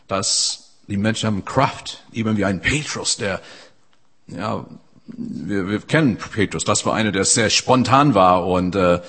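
A man preaching a sermon at a church service, earnest and halting, often restarting his phrases. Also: lowish voice, a bit bright, slightly rough.

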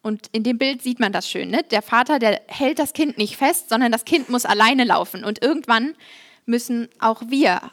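A woman preaching a sermon in a lively, humorous, conversational way. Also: fairly high pitch.

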